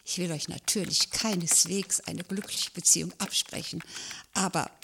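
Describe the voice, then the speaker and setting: A woman of eighty hosting a podcast, reading prepared remarks in a measured, wistful way and then asking curious questions. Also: on the low side, steady tone, creaky, sharp tone, slight background noise. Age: 80s. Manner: measured, wistful reading about the old days. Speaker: podcast host.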